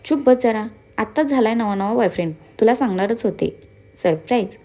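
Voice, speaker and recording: A woman's voice: medium pitch, moderate pace, dark tone, close to an everyday voice. A woman voicing a feisty young woman who grumbles sarcastically in a storybook reading. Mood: irritated.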